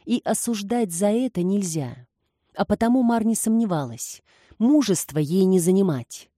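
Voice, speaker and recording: A woman narrating a novel aloud in a steady, measured reading. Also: mid-range voice, no room sound, studio quality. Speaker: audiobook narrator. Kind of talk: scripted narration.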